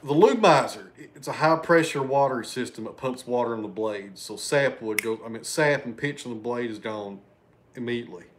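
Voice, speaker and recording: A chatty man hosts a casual livestream from his living room at home, reading super chats and thanking viewers by name while losing his train of thought. His medium-pitched voice moves at a moderate pace, with slight background noise.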